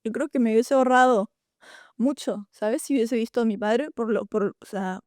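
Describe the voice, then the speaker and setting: Young woman, halting, confiding, dry close sound. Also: a little high, a little mellow, no room sound. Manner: halting and confiding, many restarts and "¿sabes?". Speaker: podcast host. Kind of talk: personal storytelling in a podcast conversation.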